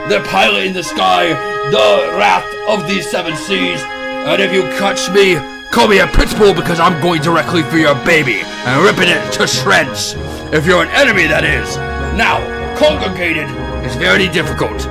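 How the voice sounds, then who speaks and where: A man's voice: high-pitched, moderate pace, creaky, over music. A man voicing a bombastic, boastful male pilot baron in a put-on British-style safari-adventurer accent, theatrical and grandiose, in an improvised character bit on a stream. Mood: grandstanding.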